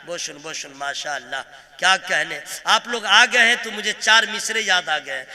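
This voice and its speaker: A male preacher from Kolkata giving a humorous sermon, teasing the audience and chanting verses in a slow melody. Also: high voice, animated, pushed and bright. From Kolkata, India. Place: religious gathering with a pulpit.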